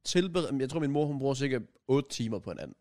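A man's voice: medium pitch, lively intonation, a little mellow. A young man co-hosting a podcast, talking in teasing, casual banter with some swearing. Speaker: podcast co-host. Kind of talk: casual chat.

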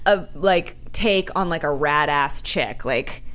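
A woman chatting casually as an interview host, informal and quick to interject with reactions. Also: sits low, a bit bright. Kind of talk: casual chat.

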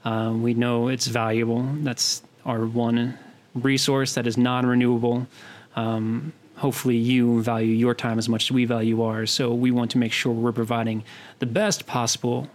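A man's voice: medium pitch, level tone, moderate pace. A young man co-hosting a podcast, talking in a rambling way with many fillers and restarts. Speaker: podcast co-host. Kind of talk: casual podcast chat.

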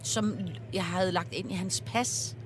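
A woman's voice: fairly low pitch, steady tone, background noise. Chatty woman telling a story. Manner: chatty, storytelling, warm exclamations. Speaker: podcast co-host. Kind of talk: casual chat.

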